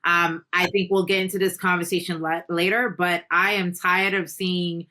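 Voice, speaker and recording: A woman raised in the Caribbean speaks as an interview guest, earnest and motivational. Her voice is bright and forceful, pitched a little low for a woman. She fills her talk with "you know" as she builds her points. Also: level tone, normal speed. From Caribbean, Haiti. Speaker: podcast guest, entrepreneur. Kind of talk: conversational interview.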